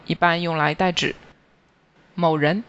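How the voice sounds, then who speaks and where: A language teacher reading a scripted grammar review slowly and carefully, pausing on each listed word. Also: mid-range voice, smooth, muffled recording. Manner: slow, even, careful reading of word lists. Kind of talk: scripted grammar lesson narration.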